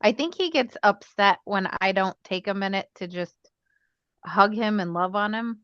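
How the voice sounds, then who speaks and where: Woman, dog owner, bright forceful voice, candid and laughing; dry, a bit dull. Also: medium pitch, normal speed, dry recording. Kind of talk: casual chat.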